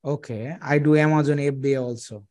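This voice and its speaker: Speaking from a small indoor room, a Bangladeshi freelance digital marketer pitches his services to a client over a video-call headset. His tone is warm and his intonation fairly even, though his delivery is halting, with lots of fillers and restarts.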